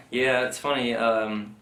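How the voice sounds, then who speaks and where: A man's voice: mid-range voice, fairly even intonation, slow pace, pushed and bright. A man, a military veteran being interviewed, casually recalling his service in a rambling, informal way full of filler phrases. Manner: rambling, informal, heavy use of "like" and "you know". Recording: roomy, distant mic, faint noise.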